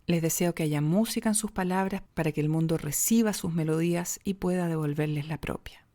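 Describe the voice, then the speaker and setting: A woman with a Chilean accent, a speech coach giving a podcast lesson on diction with deliberate pauses and soft near-whispers for emphasis. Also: deep voice. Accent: Chilean Spanish.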